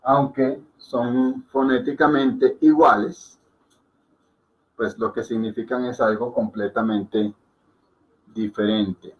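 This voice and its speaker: A man teaching a class, explaining patiently and repeating words slowly, often checking with "ok?". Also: medium pitch, steady tone, dull audio. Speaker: Hindi teacher.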